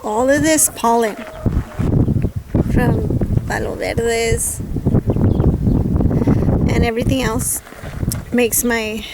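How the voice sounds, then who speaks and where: A woman chats casually and thinks aloud like a home vlogger while doing backyard chores, her voice scratchy from allergies and interrupted by throat clearing. She speaks slowly with long pauses, in a voice on the high side with fairly even intonation.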